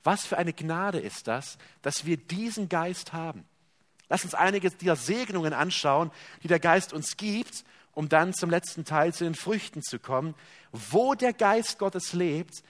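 A man preaching a sermon, earnest, speaking to his congregation as dear ones and swinging between loud emphasis and hushed tones. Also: high voice.

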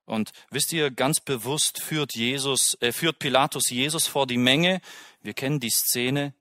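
Earnest German-speaking preacher, dry sound. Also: male voice, mid-range voice, measured pace, bright, forceful tone, no echo. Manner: earnest, asks the listeners direct questions. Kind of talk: sermon.

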